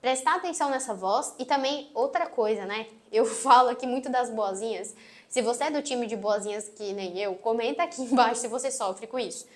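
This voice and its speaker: A Brazilian-accented woman with a sweet, gentle voice that sits a little high teaches an online lesson. She speaks with emphasis and ends each phrase decisively. She is recorded on a phone set on a tripod. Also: brisk. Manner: emphatic, closes phrases firmly. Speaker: marketing instructor.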